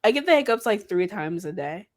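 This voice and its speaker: A woman's voice: medium pitch, sing-song, fairly quick. A woman co-hosting a podcast, chatting casually with wry, offhand banter. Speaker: podcast co-host. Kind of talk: casual chat.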